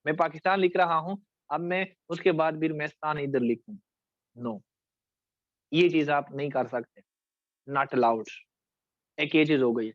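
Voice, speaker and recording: A male teacher with a Pakistani Urdu accent delivers a classroom lecture on essay writing in a high voice, recorded dry and close. He talks to his students directly, often pausing to check they understand, and stretches words out slowly to show their syllables. The audio is slightly dull and muffled.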